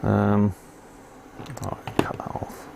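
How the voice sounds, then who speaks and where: Whispering in a lowish, monotone voice, a man slowly mutters to himself through fiddly electronics repair work. He's an amateur radio hobbyist hosting a live repair stream with casual commentary, and the audio is poor with clear background noise.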